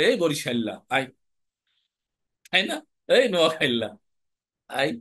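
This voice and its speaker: A young man from Bangladesh teaching a class on recitation and speech, lively and animated, often dropping into regional dialect examples. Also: mid-range voice, no echo. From Jhenaidah, Bangladesh. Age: young adult. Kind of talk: classroom lecture.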